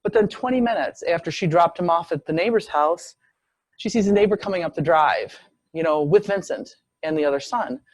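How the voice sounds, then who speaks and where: Higher-voiced man telling a case story. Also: a little fast, dry recording. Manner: storytelling, acts out quoted speech. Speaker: visiting professor lecturing. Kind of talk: medical case lecture.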